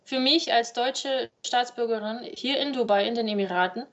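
A young woman telling her story in an interview indoors, earnest and halting, sometimes restarting words. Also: on the high side, a bit bright, dull audio. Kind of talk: interview testimony. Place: indoor living room.

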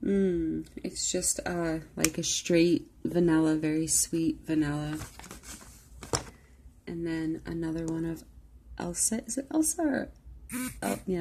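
A woman's voice: low voice, little pitch movement, unhurried, vocal fry, mellow, slight background noise. A woman vlogger chatting casually through a product haul, rambling with lots of "um" and "like". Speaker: beauty vlogger.

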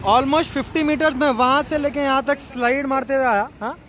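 A young Indian motovlogger with a Hyderabadi accent narrates casually, using emphatic, repeated phrases, both on a highway roadside and while riding his motorbike. His voice is very high-pitched and steady, and he speaks fairly quickly over outdoor roadside and road noise.

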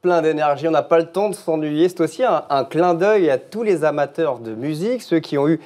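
A man's voice: a little high, a little mellow. A man hosting a casual TV interview, prompting his guest and chiming in often. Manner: friendly, prompting, quick to chime in. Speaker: TV host.

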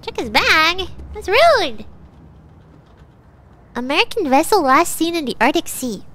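A woman's voice: very high-pitched, very animated, unhurried, pushed and bright. A young woman streaming a game with a stuffy nose, bubbly and thanking viewers over and over with bits of Japanese. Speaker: livestreamer. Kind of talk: casual gaming livestream.

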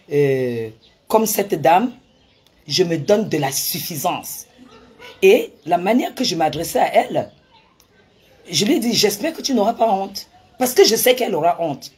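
Woman vlogger, raspy, low-pitched, dramatic storyteller who repeats herself for emphasis. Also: a little mellow. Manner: dramatic, emphatic, many restarts and repetitions. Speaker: vlogger recounting a personal dispute. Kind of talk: animated storytelling to viewers.

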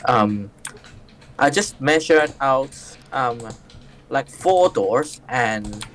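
A co-player in a casual gameplay chat who talks hesitantly, with many ums and quick corrections. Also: medium pitch, expressive, a little hiss or hum.

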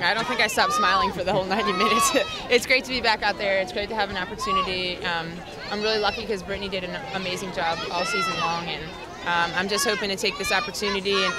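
Cheerful young woman, fast talk, loud crowd. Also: mid-range voice, huge pitch swings, heavy background noise. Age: young adult. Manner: cheerful, enthusiastic. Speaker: goalkeeper. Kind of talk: post-game interview. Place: outdoors at a floodlit field at night. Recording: loud stadium crowd behind.

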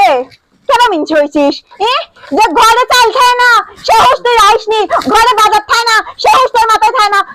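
A woman playing a shrill, nagging village wife. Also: a bit bright, no room sound. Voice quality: scolding, rapid-fire. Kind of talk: comic short-film acting.

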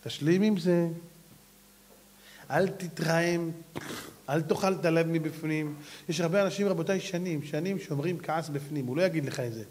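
A man, a rabbi, giving an animated, exhorting sermon and telling stories. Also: a little high. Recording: long hall reverb.

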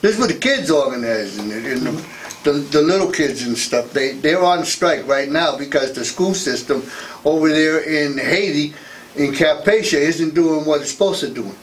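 A man's voice: a little high, expressive, normal speed, a little hiss or hum, low-quality recording. A man co-hosting a radio talk show, asking long, rambling questions with many restarts into a studio mic. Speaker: co-host. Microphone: studio boom mic.

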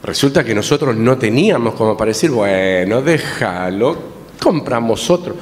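A man's voice: mid-range voice, normal speed. A man telling an interactive story to children at church, coaxing them to repeat lines after him. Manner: lively, coaxes the audience to repeat lines. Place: church hall. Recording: distant voice in a reverberant hall with faint noise.

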